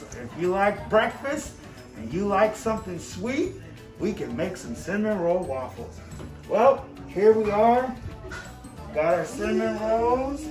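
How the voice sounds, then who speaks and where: A cooking show host speaking through a face mask in a casual, chummy, folksy way during a demonstration. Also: medium pitch. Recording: echoey room, music over voice. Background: music.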